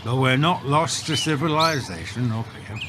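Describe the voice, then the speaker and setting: In an audio drama, a man voices a friendly, wry northerner with a Northern English accent and folksy dialect. His mid-range voice is animated and close to everyday speech, moving at a moderate pace over some background noise. He sounds welcoming and drily joking, leaning heavily on dialect.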